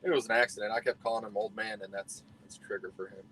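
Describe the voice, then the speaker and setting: A man's voice: on the low side, fairly even intonation, fast talker, fairly bright tone, a little hiss or hum, rough recording. A man in his late twenties chatting and joking easily with friends on a fishing boat. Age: 20s. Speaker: fishing partner. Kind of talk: casual storytelling chat.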